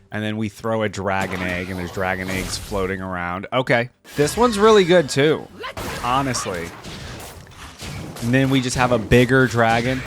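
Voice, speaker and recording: A young man with a medium-pitched voice provides casual, thinking-aloud commentary as a reaction host, punctuated by sudden exclamations. Music, game audio and other background noise can be heard.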